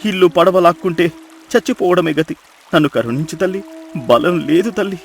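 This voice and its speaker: A man's voice: mid-range voice, brisk, faint music behind, close to an everyday voice. A man voicing a poor village fisherman in a dubbed cartoon, anxious and pleading. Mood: despairing. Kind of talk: cartoon dubbing.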